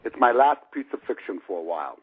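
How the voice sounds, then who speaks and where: A man in his fifties reads the prologue of his own book as an audiobook, wry and conversational. His voice sits fairly low with big pitch swings, moves fast, and has a breathy edge. The recording sounds muffled and lo-fi, almost like an old radio.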